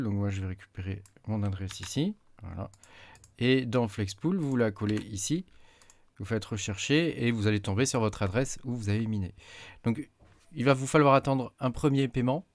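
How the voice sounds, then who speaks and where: A man's voice: lowish voice, a little mellow. A man giving a casual screen-recorded tutorial, hesitant with many fillers as he clicks through menus at his desk mic. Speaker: tech YouTuber.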